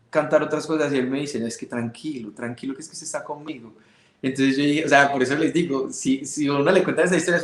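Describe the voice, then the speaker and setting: A man telling his faith testimony with emotion, acting out the dialogue as he goes. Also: a little high. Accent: Colombian Spanish. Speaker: guest sharing faith testimony. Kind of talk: personal testimony storytelling. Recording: roomy echo.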